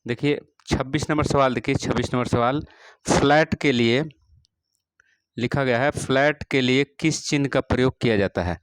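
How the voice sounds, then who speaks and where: A man at a middle pitch takes students through practice exam questions on music. He says each question twice and settles every answer with a steady "all right". His voice sounds close and dry, with no room echo. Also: normal speed, smooth. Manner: repeats each question, fills with "theek hai ji". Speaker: music teacher.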